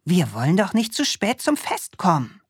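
A woman's voice: on the low side, huge pitch swings, breathy edge, dry recording, clean studio sound, voice pushed up, exaggerated voice. A woman voicing a small, cheerful, eager male storybook character who coaxes and hurries the others along. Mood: urging. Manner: pushy and hurried, coaxing.

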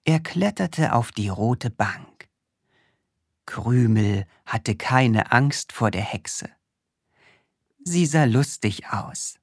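A woman reads a children's storybook aloud in a low, husky voice. She goes very slowly, and her tone still rises and falls with lively expression. The sound is dry and close. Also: no room sound. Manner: calm, very slow and expressive.

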